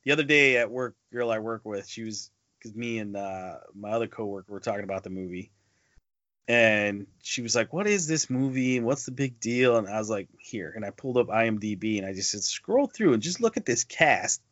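A podcast co-host chats casually about movies and tells stories conversationally in a fairly low, animated, fairly bright voice at a fairly quick pace. There is no room sound, and the podcast audio is dull and lo-fi.

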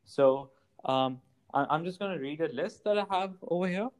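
A man's voice: on the high side, moderate pace, no room sound. A man with a Pakistani accent hosting a casual podcast, switching between English and Hindi-Urdu mid-sentence. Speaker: podcast host.

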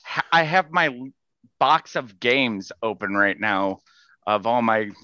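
Bright, crisp-voiced man on a dry mic. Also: medium pitch, lively intonation, slow, dry recording, dull audio. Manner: rambling, searches for words, many fillers. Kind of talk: casual podcast chat.

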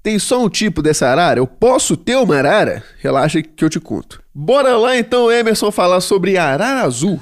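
A man's voice: sits high, sing-song, a little fast, few pauses. A man with a Brazilian accent hosting a casual educational show, chatty and playful with slang. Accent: Brazilian Portuguese. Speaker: podcast host explaining animals.

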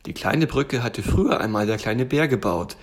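Husky-voiced man reading a bedtime story. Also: mid-range voice, lively intonation, normal speed. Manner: gentle, storytelling delivery. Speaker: story reader.

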